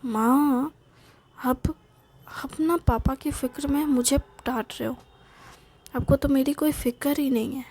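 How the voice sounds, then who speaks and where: A woman's voice: high voice, steady tone, a little slow, long pauses, darkish tone, slight background noise. A woman voicing an easygoing grown son who coaxes and teases his mother. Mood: coaxing.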